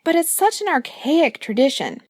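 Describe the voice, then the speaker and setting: A woman's voice: on the high side, very animated, moderate pace, no echo, studio quality. A woman voicing a reluctant, tomboyish young princess in an audiobook, plain-spoken and stubborn.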